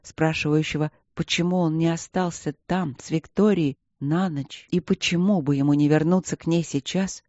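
Guy reading an audiobook, kinda high voice, dull muffled dry sound. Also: fairly even intonation, moderate pace, hardly any pauses, a little mellow, no echo. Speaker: audiobook narrator. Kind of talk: scripted narration.

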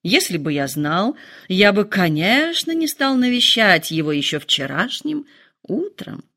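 A woman's voice: medium pitch, unhurried, heavily acted. A woman doing a dry, teasing father. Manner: dry, calm, lightly mocking. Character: dry, teasing middle-aged father, quietly amused.

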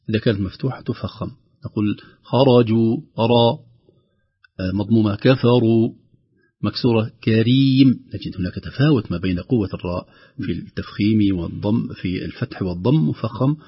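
A man teaching the rules of Quran recitation, calmly explaining each rule and then slowly chanting the example phrases. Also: lowish voice, breathy edge, muffled recording. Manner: calm explaining, with slow drawn-out recited examples. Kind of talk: tajweed lesson with recited examples.

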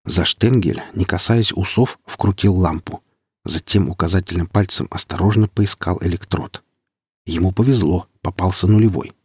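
A man reading an audiobook in a steady, measured way. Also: deep voice, slightly rough, no room sound, clean studio sound. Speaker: audiobook narrator. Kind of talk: audiobook narration.

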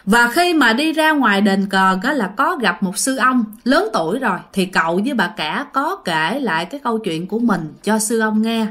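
A young woman narrates a ghost story in a relaxed, chatty way. She keeps turning to her listeners as she goes. Her voice sits a little high. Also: moderate pace, hardly any pauses. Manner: chatty, addresses listeners directly.

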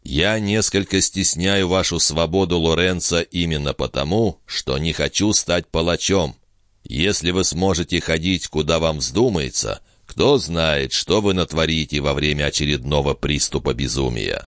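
Male narrator playing a composed nobleman, low voice, measured and patient, storybook reading. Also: dry recording, clean studio sound. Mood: calm. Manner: smooth, measured, gently reasoning. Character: calm, patient, condescending nobleman husband.

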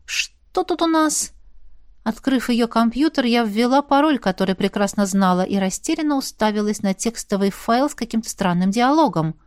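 A woman narrating a first-person audiobook in a lively, ironic storytelling manner. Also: a little high, fairly quick, few pauses, clean tone, no echo, clean studio sound.

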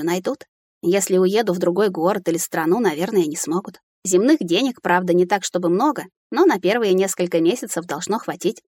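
A woman narrating a first-person fantasy audiobook with an emotional, expressive delivery. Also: mid-range voice, no room sound. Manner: emotional, expressive reading with tearful dialogue.

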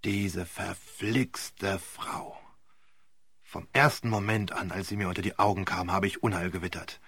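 A man doing a gruff, grumbling old barrister. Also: deep voice, steady tone, fast talker, a bit bright, no room sound, voice pushed down. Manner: growling, grumbling.

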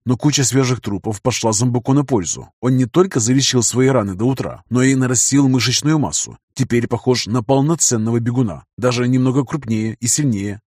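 A man's voice: medium pitch, fairly quick, few pauses, darkish tone, husky, no echo, studio quality. A man narrating a first-person audiobook in a casual, wry storytelling manner.

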